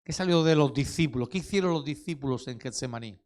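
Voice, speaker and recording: A male pastor, preaching in a middle-pitched voice. He keeps questioning his listeners and hammers his points home by repeating them. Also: fast, darkish tone. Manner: questioning, emphatic with repetition. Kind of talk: sermon.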